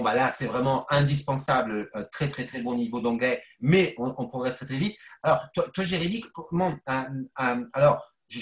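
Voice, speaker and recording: A man's voice: medium pitch, roomy sound. A man moderating a panel over a video call, stammering and repeating words as he asks questions.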